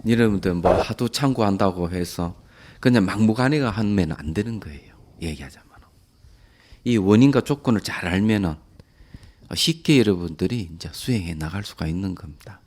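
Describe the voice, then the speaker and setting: A man, a Buddhist monk, giving a calm dharma lecture that often trails off softly at the ends of phrases. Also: low-pitched, moderate pace.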